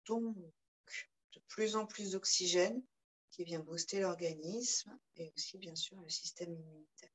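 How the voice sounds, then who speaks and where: A woman teaching a yoga class, giving calm, guiding cues and chanting rhythmic breath sounds. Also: fairly low pitch, moderate pace, rough recording. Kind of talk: guided yoga class instruction.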